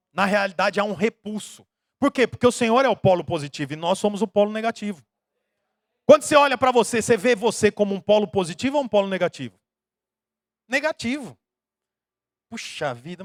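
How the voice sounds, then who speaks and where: A man in his thirties with a Brazilian Portuguese accent, preaching a lively sermon and putting rhetorical questions to the congregation. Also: high voice, dry recording, clean studio sound. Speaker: pastor.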